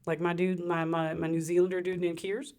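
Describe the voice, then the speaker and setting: A woman's voice: on the low side, level tone, a little fast, a little mellow. A woman co-hosting a podcast in casual chat, firing off exasperated rhetorical questions. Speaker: podcast co-host.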